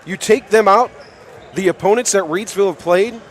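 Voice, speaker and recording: Rattling off stats emphatically, this American radio host handles pregame basketball commentary in a high-pitched voice. He's a play-by-play man, and he keeps a moderate pace.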